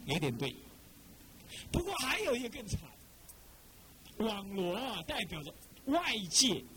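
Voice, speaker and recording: A man's voice: sits high, slight background noise, poor audio. A middle-aged man, an abbot from Taiwan, giving a Buddhist dharma talk, who keeps firing questions at his listeners. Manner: lively, rhetorical, keeps quizzing listeners. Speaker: abbot teaching monastics.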